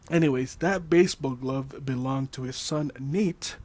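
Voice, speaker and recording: A man's voice: mid-range voice, a little slow, darkish tone. A man hosting a casual chat, reading trivia notes loosely with fillers, laughs and the odd swear. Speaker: podcast host.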